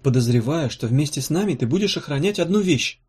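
A man reading an audiobook voices a fussy, practical female valkyrie healer with a brisk, blunt manner. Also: on the high side, expressive, darkish tone, husky. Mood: matter-of-fact. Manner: brisk, blunt, a little embarrassed.

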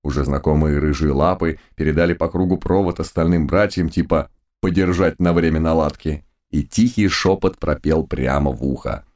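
Brief: male narrator, extremely low voice, wry and ironic, first-person audiobook reading. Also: moderate pace, few pauses, a little mellow.

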